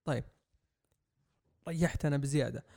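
A young man, rambling excitedly through a comic review on a podcast mic. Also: mid-range voice, brisk, creaky. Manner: excitable, rambling, acts out quotes. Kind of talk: casual podcast review chat. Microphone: podcast microphone.

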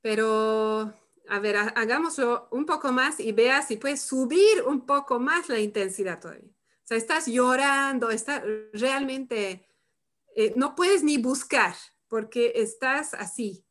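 A woman running a live online workshop, talking calmly and reflectively through a demonstration. Her voice sits a little high, and she often ends phrases with a questioning "¿no?". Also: unhurried. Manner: calm, reflective, tags phrases with "¿no?". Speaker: workshop facilitator.

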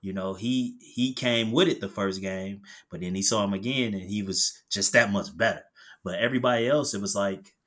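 A man with a lowish voice in casual sports talk. He speaks in a relaxed, agreeable way and often chimes in with short agreement. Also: normal speed.

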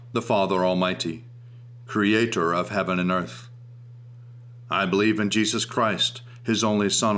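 A man leading liturgical prayer, reciting in solemn, measured phrases as an officiant. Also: lowish voice, a bit bright.

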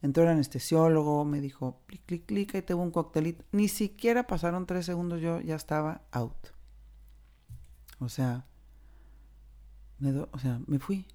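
Mexican woman, storyteller; candid, slangy, warm dark tone, voices the dialogue. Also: low voice, moderate pace, pauses often. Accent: Mexican Spanish. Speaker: storyteller sharing a personal recovery story. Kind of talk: casual spoken storytelling.

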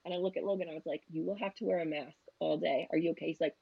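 A woman's voice: deep voice, fairly even intonation, racing, creaky, husky, highs cut off. A woman in her thirties, a travel agent guest, chatting casually and acting out quotes as she tells stories. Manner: chatty storyteller who acts out quotes. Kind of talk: casual chat.

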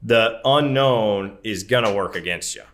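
Bright, forceful, lowish-voiced male podcast co-host. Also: a little slow. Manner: folksy, emphatic, checks in with "right?". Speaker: podcast co-host and grain marketing advisor. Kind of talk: casual advisory podcast talk.

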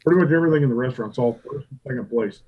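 Husky, profane pitmaster spinning yarns. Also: male voice, medium pitch, rapid-fire, phone-quality sound. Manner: animated, profane, quotes himself and others in acted asides. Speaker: competition barbecue pitmaster and restaurant owner. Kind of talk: casual storytelling interview.

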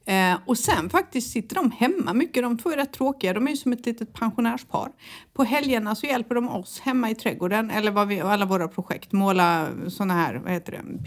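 A middle-aged woman co-hosting a podcast, chatting casually, telling stories animatedly and laughing often. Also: mid-range voice. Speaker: podcast co-host. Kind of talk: casual chat.

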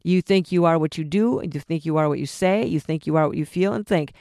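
A man's voice: on the high side, brisk, vocal fry, darkish tone, no room sound, studio quality. A man preaching earnestly, urging listeners to forgive. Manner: earnest exhorting delivery. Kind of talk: preaching talk.

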